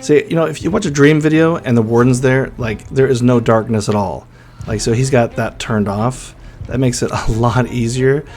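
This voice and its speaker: A man's voice: medium pitch, normal speed. Chatty man narrating his gameplay. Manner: chatty, drops to a hushed whisper when sneaking. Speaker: gaming YouTuber. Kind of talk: casual gameplay commentary and narration. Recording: faint music underneath.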